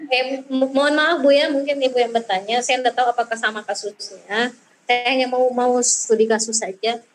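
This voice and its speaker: A woman gives a parenting talk in a higher-pitched voice, pausing often with fillers and repeating herself as she explains. A faint hiss of background noise sits under her voice. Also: fairly even intonation, poor audio. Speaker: parenting speaker and child therapist. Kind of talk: talk on parenting with audience questions.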